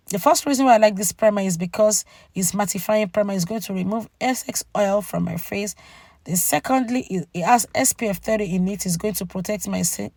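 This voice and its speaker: A woman with a cracking, croaky voice from a cold, chattily narrating a makeup tutorial and speaking straight to her viewers. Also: mid-range voice, darkish tone, dry recording. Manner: chatty, addresses viewers directly with tag "okay?". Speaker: beauty channel host.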